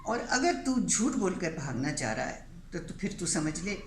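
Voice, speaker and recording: An older woman storyteller voicing a menacing male bandit chief who gives gruff, threatening commands, in a roomy recording. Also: fairly low pitch, sing-song. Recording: roomy echo, faint background hiss.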